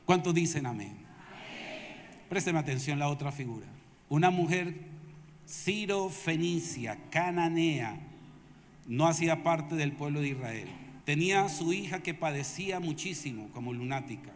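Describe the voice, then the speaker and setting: A man's voice: on the high side, lively intonation, normal speed, slight background noise. A man preaching a sermon in a large convention hall, emphatic and questioning the congregation. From Colombia. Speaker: pastor.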